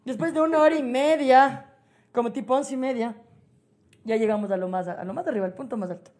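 A woman with an Ecuadorian accent, telling a story on a casual podcast, animated, laughing and swearing often. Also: fairly high pitch, quick pace. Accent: Ecuadorian Spanish. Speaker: podcast co-host.

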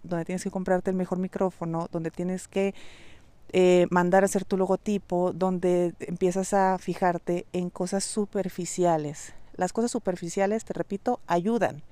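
A Mexican woman hosts her own solo podcast about online business, speaking in a lowish, warm voice captured in a dry recording. She addresses the listener directly like a coach, repeating key points for emphasis.

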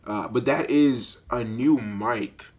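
A deep-voiced young man hosts a casual solo podcast, rambling through stories with animated energy, plenty of fillers, and laughter. He takes his time, speaking slowly into a budget mic fitted with a sock pop filter.

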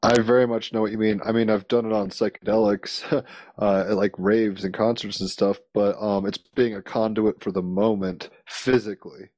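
A man with a fairly low voice in a dry, echo-free recording. He chats as an informal host, musing at length in loose, slangy phrases. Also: flat delivery, moderate pace, a little mellow. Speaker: interviewer, conversation host. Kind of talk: casual, musing chat.

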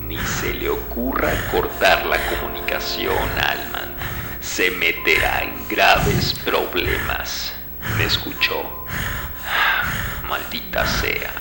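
An actor playing a stern, impatient commander who barks demands and swears. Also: male voice, sits low, animated, slow, gravelly, heavily acted. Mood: angry demanding. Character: stern authoritarian male commander, impatient and threatening. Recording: roomy echo with music under. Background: music.

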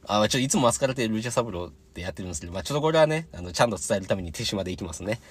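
A man's voice: lowish voice, lively intonation, rapid-fire, breathy edge. A young man with a Kansai accent hosting a casual solo podcast, chatting about his day and acting out the voices in his anecdotes. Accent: Kansai Japanese. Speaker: podcast host.

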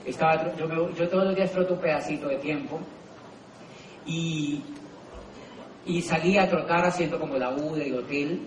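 A man's voice: on the high side, moderate pace, pauses often, a little hiss or hum. A man with a Colombian accent, a motivational business speaker giving a live talk to an audience and acting out the conversations in his anecdotes. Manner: animated storyteller who acts out dialogue. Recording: echoey hall, distant mic, faint ambience.

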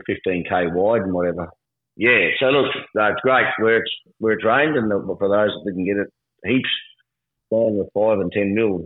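Interviewed on radio as a guest, a livestock agent with a rural Australian accent gives a casual market report in a laconic, colloquial outback drawl. His voice sits low with a breathy edge, and the line sounds roomy and phone-like.

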